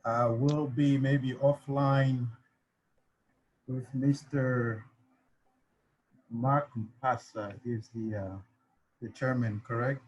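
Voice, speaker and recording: A man's voice: mid-range voice, steady tone, extremely slow, pauses often, breathy edge, dull audio. A man from the Congo speaking in an online meeting, with many hesitant fillers. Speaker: meeting participant. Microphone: video call.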